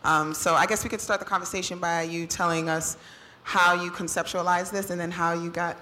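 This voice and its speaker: An upbeat woman moderates a live Q&A, firing off quick questions. Her voice has a bright, sharp edge. Faint clicks sound in the background. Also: on the low side, fairly even intonation, slight background noise, rough recording.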